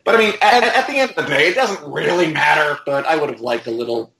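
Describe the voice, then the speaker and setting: A man on a podcast panel giving casual opinions in a halting, emphatic way, repeating his words. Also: a little high, animated, gravelly, bright, forceful tone. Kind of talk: casual opinionated fan discussion. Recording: echoey room.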